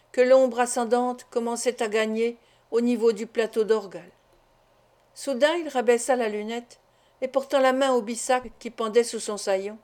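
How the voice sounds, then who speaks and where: A woman narrating a classic novel in a measured, clear reading voice. Her pitch sits a little high for a woman, and the pacing is steady and literary. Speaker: audiobook narrator.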